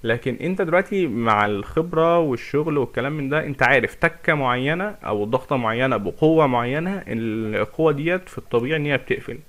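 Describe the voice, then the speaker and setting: A man's voice: mid-range voice, lively intonation, quick pace, few pauses, fairly bright tone. A man with an Egyptian Arabic accent giving an informal medical lecture, explaining step by step with rhetorical questions and English medical terms.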